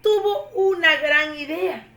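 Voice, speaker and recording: A woman telling a Bible story to children in an expressive, animated way. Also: extremely high pitch, slow pace, distant mic. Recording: echoey room, faint noise.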